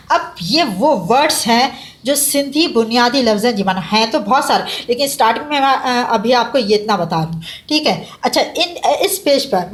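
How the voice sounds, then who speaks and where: Woman teacher, a touch high-pitched, patient and slow with her students. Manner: patient, addresses students as "beta", slows to spell out words. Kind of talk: classroom lesson.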